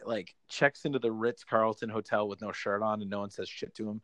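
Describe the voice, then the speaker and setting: A man's voice: lowish voice, little pitch movement, a little fast, a crowd in the background. A young man chatting casually from his bedroom at home, rambling, swearing freely and laughing often. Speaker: musician guest. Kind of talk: casual podcast chat.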